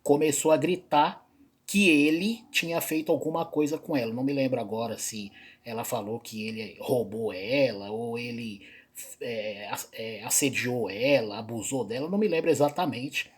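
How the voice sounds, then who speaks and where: A man hosting a reaction video, talking in loose, rambling commentary with frequent fillers and pauses. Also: mid-range voice, slightly rough. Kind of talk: casual spoken commentary.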